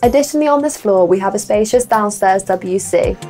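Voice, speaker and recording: A woman's voice: mid-range voice, fairly quick, music in the background. A young woman presenting a scripted house tour as a property presenter, with upbeat, complimentary sales patter. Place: indoor rooms of a furnished house. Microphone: lapel mic.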